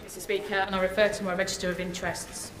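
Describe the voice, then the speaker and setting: A woman with an English accent and a medium-pitched voice reads a formal parliamentary question. The large hall adds a long echo. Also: level tone, quick pace, a crowd in the background. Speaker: member of parliament. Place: large debating chamber.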